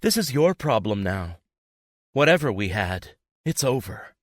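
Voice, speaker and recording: In an audiobook, a man voices a furious, betrayed young woman, sharp, scornful, sarcastic and accusing, pitching his medium voice well above his natural range. His delivery is sing-song at a moderate pace, recorded in a clean studio with no echo.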